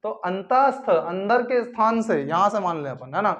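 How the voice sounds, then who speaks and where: A man with a high voice teaching a lesson, repeating sounds and checking with students as he goes. The recording is dull and lo-fi. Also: animated, normal speed, fairly bright tone. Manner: repetitive, drills sounds aloud, asks students questions. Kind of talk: classroom lesson.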